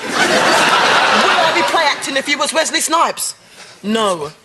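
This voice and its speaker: A woman's voice: sits high, expressive, slow pace. A woman in a sitcom, playful, flirty and theatrical. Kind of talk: sitcom acting. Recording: loud noisy TV sitcom recording.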